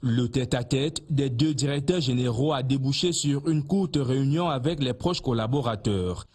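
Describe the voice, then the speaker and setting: A male reporter reads a formal news script over pictures. His voice is slightly husky. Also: mid-range voice, normal speed, a little mellow. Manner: formal reading.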